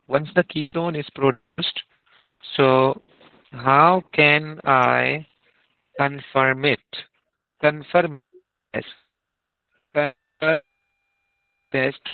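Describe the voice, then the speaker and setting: A man tutoring chemistry over a video call whose audio keeps cutting out, explaining slowly and repeating himself. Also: a little high, no room sound. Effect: voice cutting out over a bad connection. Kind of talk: online tutoring lesson. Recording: dull lo-fi call audio, dry.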